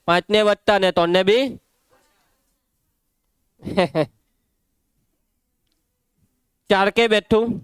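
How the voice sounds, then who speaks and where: A young man with a Gujarati accent teaching a maths class, working through problems briskly, quizzing pupils by name and telling them to settle down. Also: sits high, fairly even intonation, smooth, no room sound. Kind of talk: live classroom lesson.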